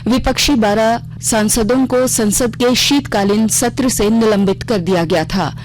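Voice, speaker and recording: A woman with a medium-pitched, darkish voice anchors a formal, scripted radio news bulletin from a studio. The regional broadcast recording is noticeably noisy.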